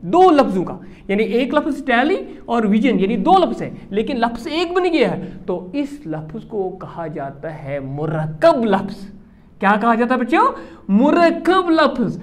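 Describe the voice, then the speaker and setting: Guy teacher with a high voice that jumps all over, keeps repeating words n asking the kids back. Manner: repeats key words and quizzes pupils; emphatic, stretches words for stress. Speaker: Urdu teacher. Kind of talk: classroom lecture to children.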